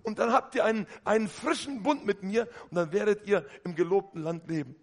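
A man preaching a lively sermon to a congregation, talking to them directly and often calling out hallelujah. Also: high-pitched, brisk.

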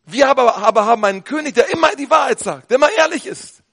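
A man preaching a sermon with fervour, dropping to quiet talk and then shouting out his points. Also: very high voice, lively intonation, quick pace, vocal fry, slightly rough. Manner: fervent, switches between quiet talk and shouting.

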